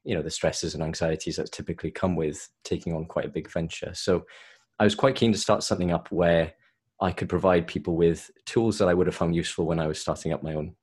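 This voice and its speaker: Man, soft South Welsh accent, low-pitched, husky, casual interview guest. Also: fairly even intonation, fast talker. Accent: South Welsh, softened. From South Wales. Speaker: podcast guest, solicitor.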